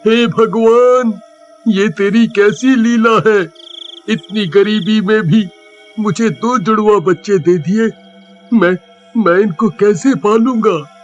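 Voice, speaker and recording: A man voicing a poor, helpless village father in a cartoon story, talking slowly with a halting manner. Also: sits high. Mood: despairing. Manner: slow, halting and despairing. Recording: slightly dull lo-fi audio with faint music.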